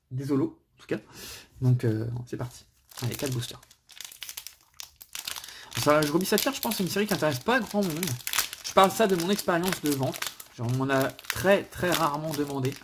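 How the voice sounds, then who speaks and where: A man's voice: medium pitch, slight background noise. A man hosting his own channel, chatting casually and thinking aloud while he opens trading card packs, with many small fillers. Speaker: card collector and channel host. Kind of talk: casual pack-opening chat.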